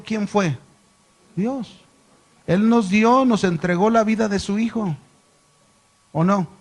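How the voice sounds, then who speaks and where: A middle-aged man, a pastor teaching a sermon and telling stories with questions to the congregation. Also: sits high.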